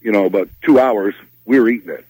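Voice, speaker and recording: A man's voice: lowish voice, fast, mellow, husky, no room sound, rough recording. A man with a Minnesota accent, chatting casually on the radio from a fishing trip, easygoing and full of fillers. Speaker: radio host on remote from ice fishing trip. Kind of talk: casual radio phone-in chat.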